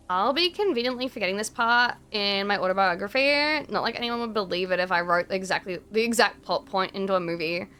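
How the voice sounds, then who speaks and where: A young woman streaming a game, reading the visual novel text aloud with animated, expressive delivery and frequent swearing. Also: mid-range voice.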